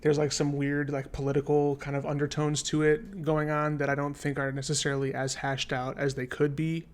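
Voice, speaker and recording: A man's voice: fairly high pitch, completely flat delivery, a little fast. A young man co-hosting a casual podcast, rambling through a movie review with plenty of fillers. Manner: easygoing, rambling, many fillers. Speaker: podcast co-host.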